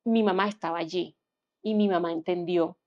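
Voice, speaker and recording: A young woman giving an earnest personal testimony as a podcast guest, often dropping to a hushed tone. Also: on the low side, steady tone, normal speed, lo-fi sound.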